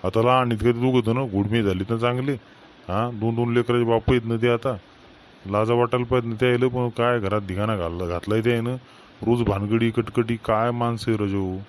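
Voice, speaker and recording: A man's voice: mid-range voice, steady tone, a little fast, a little mellow, slight background noise, close to an everyday voice. Guy doing a fed-up old village farmer, varhadi accent, grumbling about his sons, plain middle voice. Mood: lamenting. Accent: Varhadi Marathi. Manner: lamenting, grumbling. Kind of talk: village comedy skit.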